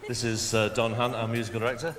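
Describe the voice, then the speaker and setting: A man's voice: medium pitch, level tone, fast. A man hosting a live stage comedy bit, chummy and jokey. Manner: jokey, chummy, laughing through lines. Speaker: comedy host. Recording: large hall with loud crowd.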